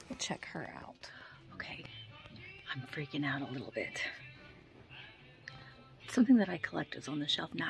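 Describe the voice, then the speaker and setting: Excitable middle-aged female vlogger, lowish gravelly voice, murmuring asides. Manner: chatty, excitable, often half-whispering to herself. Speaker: vintage shopping vlogger. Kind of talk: shop-with-me vlog narration. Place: indoor antique mall. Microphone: handheld phone camera.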